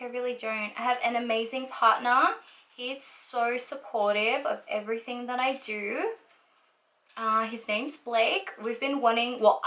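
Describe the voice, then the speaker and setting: An Australian beauty vlogger in her twenties chats casually about herself while applying makeup in a get-ready-with-me video, laughing easily and filling her talk with likes and ums. Her fairly high voice has a sharp tone and echoes in a small room at home.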